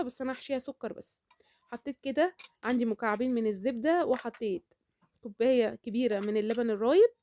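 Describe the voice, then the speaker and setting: A woman's voice: high voice, a little mellow, slight background noise. A woman with an Egyptian Arabic accent chatting casually in a cooking vlog, talkative and repeating herself, often checking in with "okay?". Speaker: cooking vlogger.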